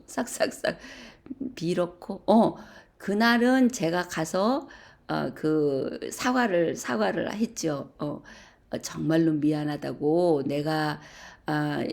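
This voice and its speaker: A middle-aged woman telling a personal story to a church group, animated and full of hesitant fillers. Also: deep voice, creaky. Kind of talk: casual storytelling.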